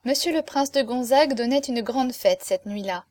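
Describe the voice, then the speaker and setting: A woman reading a novel aloud in the first person, with measured, expressive scripted narration. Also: fairly high pitch. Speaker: audiobook narrator.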